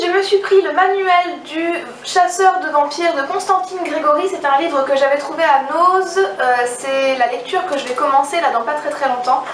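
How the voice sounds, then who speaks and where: Young woman doing a book haul vlog, high voice, chatty and a bit hesitant, echoey room, mic kinda far. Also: fairly bright tone. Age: young adult. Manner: chatty, hesitant, restarts sentences, enthusiastic. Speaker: book vlogger. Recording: roomy, slightly distant mic, faint background noise.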